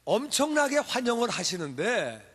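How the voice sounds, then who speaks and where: A man's voice: extremely high pitch, big pitch swings, normal speed, a bit bright, breathy edge. A male pastor preaching a sermon, telling the story with emphatic rhetorical questions. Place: church sanctuary. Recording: long church hall reverb.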